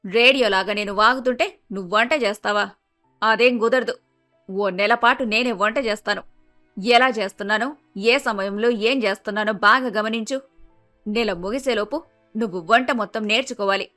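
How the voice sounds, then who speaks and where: A bossy, scolding mother-in-law from a cartoon moral story, voiced by a woman. Her voice is bright and cutting, a little high. Faint music plays behind her. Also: steady tone, brisk. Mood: domineering. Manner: scolding, domineering.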